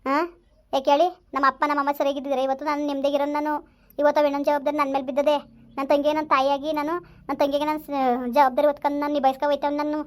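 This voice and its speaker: A woman's voice: sits high, level tone, very fast, close to an everyday voice. A woman playing a bitter young woman raising her younger sister, complaining in a resentful rush, in a village family skit.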